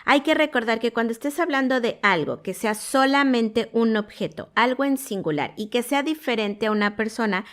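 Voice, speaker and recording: A woman teaching English in Spanish, explaining grammar rules clearly and reading example sentences aloud. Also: a little high, normal speed, hardly any pauses. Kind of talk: scripted online lesson.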